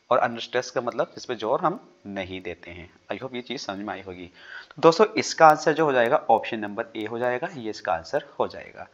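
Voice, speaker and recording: A man at mid pitch talks through exam questions on English literature, going over each answer option and checking his viewers are following. The recording sounds dull and lo-fi, like a basic home setup with a drawing tablet on screen. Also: a bit bright. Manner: explains with worked examples, often checks in with "theek hai". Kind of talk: exam-prep lesson on a YouTube channel.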